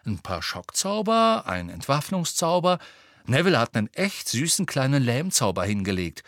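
A man's voice: a little high, very animated, normal speed, a bit bright, no echo, studio quality, voice pushed up. A man voicing a brash, cheeky teenage wizard boy with an offhand, cocky manner in an audiobook.

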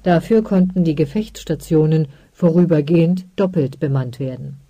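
A woman narrating a science fiction audiobook in a calm, measured way. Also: low voice, no room sound. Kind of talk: scripted narration.

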